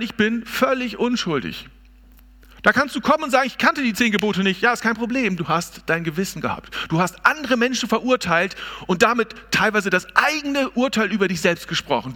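A man preaching a sermon in an emphatic, expressive way, speaking directly to his listeners in a church. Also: high-pitched. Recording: long reverb of a large hall.

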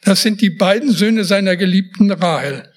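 A man's voice: high voice, moderate pace. A man preaching a sermon, emphatic and speaking straight to his listeners with casual asides.

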